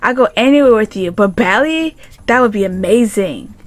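Woman reading the lines of an eager young man in a romance story game. He sounds keen and smitten, his voice bright and lifted. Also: mid-range voice, lively intonation, moderate pace, dry recording, lightly acted. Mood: delighted. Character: excited young man, the heroine's love interest.

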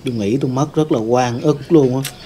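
A man plays the ghost of a young man who died wronged, speaking. His voice is mellow and even, full of fillers as he rambles on. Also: medium pitch, brisk, slight background noise, close to an everyday voice. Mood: sorrowful. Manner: rambling storytelling, many fillers. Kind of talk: staged ghost-hunting role-play.

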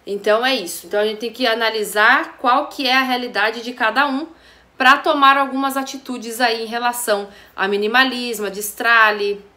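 Casual home vlogger, a woman with a slightly high voice, talking to camera in a roomy-sounding basement kitchen. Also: fairly even intonation, moderate pace, sharp tone. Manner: chatty, frequent "gente" and "né" asides.

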